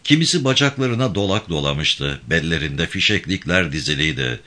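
A man narrating a novel aloud in a measured, clear storytelling manner. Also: deep voice, lively intonation, pushed and bright. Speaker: audiobook narrator.

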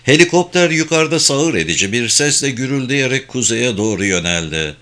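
A man narrating an audiobook in a steady, dramatic way. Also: mid-range voice, fairly quick. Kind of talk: scripted narration.

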